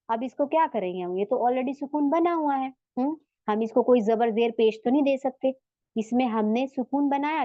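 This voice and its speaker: Slow-explaining female Quran teacher. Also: high-pitched, no echo, dull audio. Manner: patient, explains step by step, often asks the class questions; says Arabic letters and words slowly and drawn out for demonstration. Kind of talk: online tajweed lesson.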